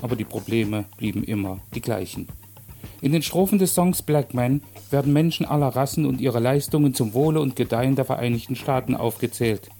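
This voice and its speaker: A man reading a story aloud and then giving measured, earnest commentary as a radio presenter. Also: medium pitch, creaky, dark tone.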